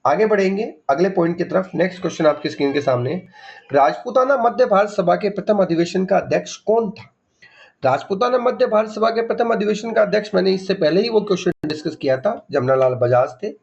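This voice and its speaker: A man's voice: high voice, expressive, a little fast, creaky, lo-fi sound. A man teaching an exam revision lesson, asking questions and answering them himself, repeating key facts, mixing English words into his explanation. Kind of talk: MCQ revision lecture.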